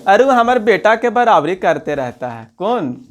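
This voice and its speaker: This Hindi teacher has a high-pitched, very animated voice and moves at a moderate pace. Working line by line through a textbook story, he reads a passage aloud, retells it in local dialect, and puts questions to the listener.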